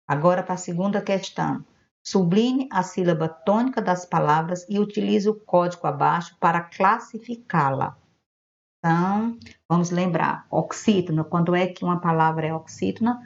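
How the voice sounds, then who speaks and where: A woman teaching an online lesson to primary school children, patient and gentle, explaining step by step. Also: fairly low pitch. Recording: dull lo-fi home video audio.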